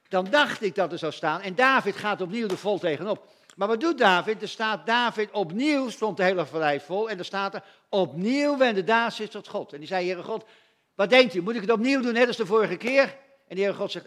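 A man preaching a sermon in a conversational, animated way, acting out little voices and asides. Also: high voice.

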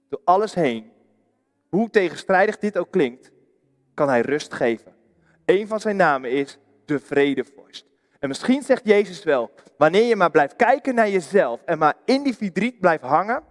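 Earnest man preaching in a long-echoing hall. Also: on the high side. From Netherlands. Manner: earnest, asks questions and answers them himself. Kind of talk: sermon. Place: church.

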